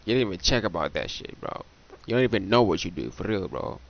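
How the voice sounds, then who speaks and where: Young man from Botswana, slangy reaction commentator, a bit low, muffled audio. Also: lively intonation, fast, creaky. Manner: loose, slangy, repeats "bro".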